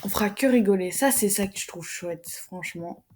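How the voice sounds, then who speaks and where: A teenage girl, chatting casually to her viewers in a fast, rambling, slangy way with some swearing. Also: mid-range voice, a little mellow, slight background noise. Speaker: vlogger, secondary school student. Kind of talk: casual chat to camera.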